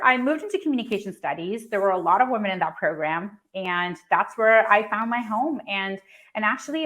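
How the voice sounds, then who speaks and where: This woman speaks in a mid-range, slightly bright voice. She's a founder from Pakistan in her thirties, recounting her own story at a startup event in a chatty way, often restarting and using fillers.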